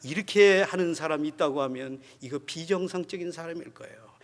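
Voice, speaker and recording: A man preaching a sermon as pastor, moving between quiet storytelling and loud, fervent exhortation. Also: fairly high pitch, fairly quick. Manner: swings from quiet talk to loud, shouting exhortation. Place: church sanctuary. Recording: long church hall reverb.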